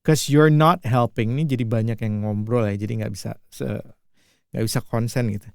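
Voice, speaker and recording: A man's voice: medium pitch, fairly even intonation, moderate pace, gravelly, darkish tone, smooth, dry recording. Guy teaching english casually, repeats lines then says them in slang, dry close mic. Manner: repeats each line and paraphrases it in slangy terms. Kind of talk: casual language lesson explaining film lines.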